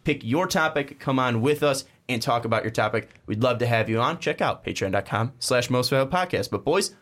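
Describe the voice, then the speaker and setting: Excitable male sports podcast host. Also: mid-range voice, fairly quick. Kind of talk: casual sports chat.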